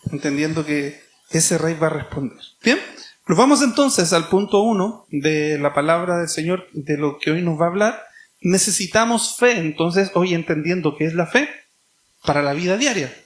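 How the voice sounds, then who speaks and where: A preacher with a Chilean accent delivers an emphatic sermon. The delivery leans on repetition and rhetorical questions, with a pitch that sits in a middle range. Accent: Chilean Spanish.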